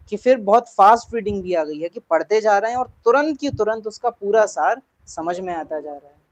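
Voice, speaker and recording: A spiritual teacher with a medium-pitched voice gives an earnest class talk, repeating points for emphasis and asking the listeners questions. The recording is rough.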